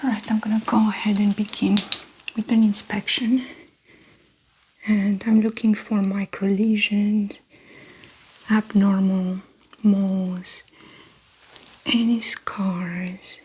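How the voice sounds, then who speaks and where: Brief: young woman, very breathy soft whisper, slow unhurried delivery, calm clinical ASMR doctor roleplay. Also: medium pitch, poor audio. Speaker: ASMR performer playing an examining doctor. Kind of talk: ASMR medical exam roleplay.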